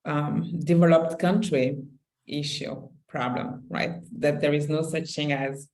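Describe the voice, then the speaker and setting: A woman from Senegal, co-hosting a podcast, talking candidly and reflectively in relaxed conversation, often restarting her phrases. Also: sits low, slow, rough recording. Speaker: podcast co-host.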